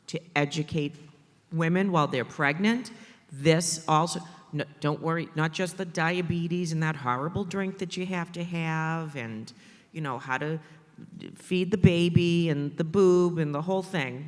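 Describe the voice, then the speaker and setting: Speaking from a conference stage in a big hall, this Boston-area man has a voice on the high side and a clear Boston accent. He discusses maternal mental health on a panel with animation, quips and emphatic repetition.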